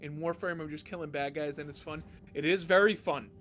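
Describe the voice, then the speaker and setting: A man doing casual let's-play commentary, jokey and quick to laugh. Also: a little high, steady tone, a bit bright, slight background noise. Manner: laughs a lot, jokey and irreverent. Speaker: gaming commentator.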